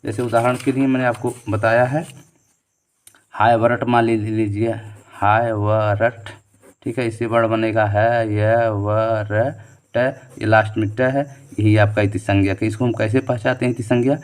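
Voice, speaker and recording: A man with a fairly low, smooth voice delivers an exam-prep quiz lesson at a moderate pace and in a flat manner. He reads each question and its choices, works out the answer, repeats key answers back as a drill, and peppers it all with fillers like "theek hai" and "jo hai" plus memory tricks and shortcuts.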